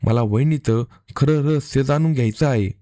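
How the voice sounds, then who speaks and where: A man reading the part of a worried, suspicious young man in a narrated story, in an earnest, steady voice. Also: mid-range voice, moderate pace, no echo, studio quality, lightly acted.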